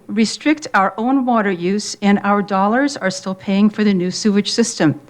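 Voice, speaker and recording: A woman resident giving a prepared public comment at a hearing, measured and formal. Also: mid-range voice.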